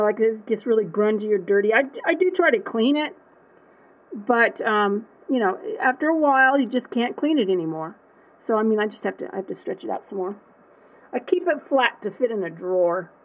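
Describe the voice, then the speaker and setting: A woman with a slightly high voice talks her way through an unboxing video. She rambles and thinks aloud, trailing off and restarting with plenty of fillers in a casual, unscripted way. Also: low-quality recording. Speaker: art supply unboxing vlogger.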